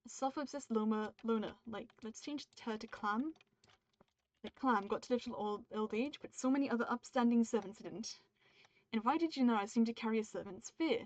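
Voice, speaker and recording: Fairly high-pitched and a little quick, a British woman livestreams her writing, reading the draft and halting mid-sentence for edits and friendly, upbeat chat with viewers. No room sound is audible, but the stream mic is dull and muffled.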